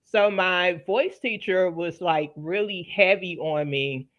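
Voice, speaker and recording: A woman's voice: lowish voice, takes it slowly. A woman from Louisiana with a faint Southern accent, hosting a panel and telling stories in casual conversation. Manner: storytelling, conversational, quotes others. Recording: dull lo-fi audio.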